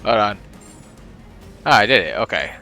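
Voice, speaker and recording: A man's voice: on the low side, very animated, moderate pace, music in the background. A man giving casual let's play commentary, rambling and thinking aloud as he plays. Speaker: game streamer.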